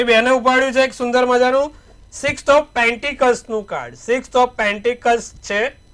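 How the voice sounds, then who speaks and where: High-voiced man reading horoscopes. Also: a bit bright, clean tone. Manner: advising, repetitive, proverb-like phrasing. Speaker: astrologer. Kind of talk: daily horoscope and tarot reading.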